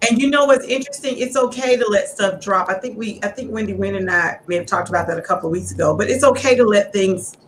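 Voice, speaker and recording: A middle-aged woman hosting a casual chat among women, talking in an animated, preachy storytelling way. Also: mid-range voice, fast talker, hardly any pauses, slight background noise, rough recording. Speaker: host.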